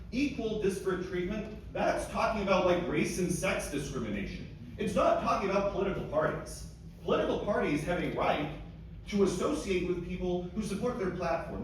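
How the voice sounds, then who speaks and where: A man speaking as an attorney giving a closing argument at a hearing, emphatic and argumentative, sometimes stumbling and repeating words. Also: on the high side. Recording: echoey room, distant mic, faint noise.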